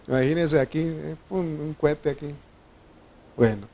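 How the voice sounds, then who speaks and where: A man with a Mexican Spanish accent preaching a sermon as pastor, swinging between loud declarations and quiet asides to the congregation. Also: on the high side, slow pace, gravelly.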